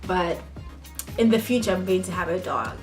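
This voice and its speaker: A young woman raised in Ghana talks casually to a camera on her table, answering tag questions. She speaks straight to her viewers with laughing asides and a relaxed, friendly ease. Faint music plays behind her. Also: on the low side, moderate pace. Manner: chatty, laughing asides, addresses viewers as guys. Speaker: vlogger.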